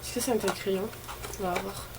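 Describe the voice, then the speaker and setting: A woman chats informally in the manner of a beauty vlogger, thinking aloud and wandering from one remark to the next. Her pitch is average for a woman. The recording carries clear ambient noise behind her. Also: steady tone, brisk. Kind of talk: casual chat while opening advent calendars.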